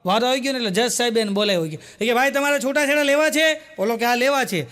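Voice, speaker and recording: A man's voice: extremely high pitch, fast, fairly bright tone. A man telling stand-up jokes as stories, laughing at his own punchlines. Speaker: comedian.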